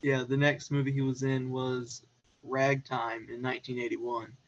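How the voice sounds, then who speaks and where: A man speaking as a podcast guest in a casual film chat, relaxed and measured, pausing between phrases. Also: mid-range voice, a crowd in the background. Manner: relaxed, measured, with pauses and fillers. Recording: dull lo-fi sound.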